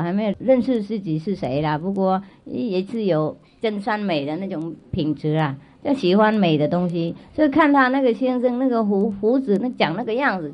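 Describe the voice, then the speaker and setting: A woman spiritual teacher telling a story to children in a chatty way, often repeating herself and asking if they follow. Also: mid-range voice. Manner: chatty, checks in with listeners often; repeats and restarts phrases. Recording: dull lo-fi recording.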